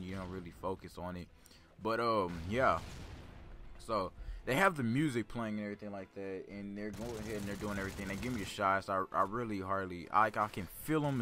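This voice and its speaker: A young man telling a personal story in a casual, rambling way, with a calm, laid-back, serious delivery. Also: lowish voice.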